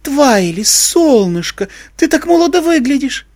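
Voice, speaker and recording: A man's voice: very high-pitched, very animated, a little slow, darkish tone, no room sound, voice pushed up, full character voice. Man doing a mincing, affected unicorn queen. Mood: gushing. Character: vain glamorous female unicorn queen, affected.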